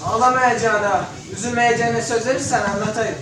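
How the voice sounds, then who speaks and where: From a distance in a heavily echoing hall, a resolute village husband played by a male actor speaks on stage. His high voice is earnest and tender, with a measured declamatory delivery. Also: fairly even intonation. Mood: earnest farewell. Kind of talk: patriotic stage drama. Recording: very echoey noisy hall from far off.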